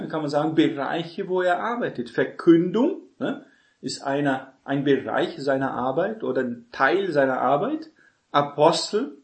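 A man preaching a Bible-teaching sermon in an explanatory way, checking in with listeners through constant tag questions and restarting his sentences. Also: fairly high pitch. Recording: echoey room.

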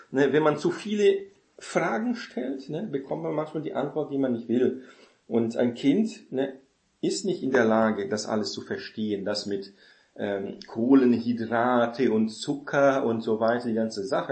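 A man speaks in an informal advice talk, addressing his listeners directly. He keeps tacking a questioning "ne?" onto his points and asks whether they follow. The voice is mid-pitched and rings in a roomy echo. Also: darkish tone. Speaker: speaker giving parenting advice.

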